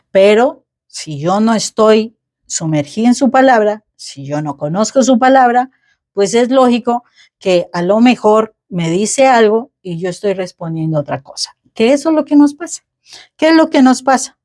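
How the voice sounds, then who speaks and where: A woman's voice: mid-range voice, darkish tone. Woman preaching in a chatty way. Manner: conversational, asks the listener for agreement, with many rhetorical questions. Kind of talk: informal sermon.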